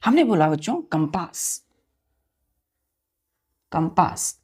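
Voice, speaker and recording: In an online exam-prep lesson on English grammar, a woman speaks slowly in a low, sing-song, darkish voice with a breathy edge. She repeats key words, spells them out letter by letter, and keeps quizzing her students, addressing them as children.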